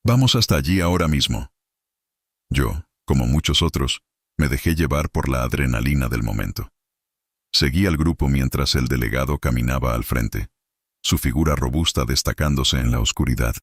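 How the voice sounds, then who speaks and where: Man, horror story narration, dramatic and measured, very deep voice, dry close recording. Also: slightly rough, no room sound.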